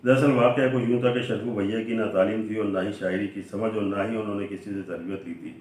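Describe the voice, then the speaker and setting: A man reading aloud a humorous prose sketch in a measured storytelling manner, slipping into quoted dialogue as he goes. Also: fairly low pitch, steady tone, darkish tone, slight background noise. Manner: measured storytelling delivery, voicing quoted dialogue within the narration. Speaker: reader of a humorous essay. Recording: very echoey room, voice from far off the mic.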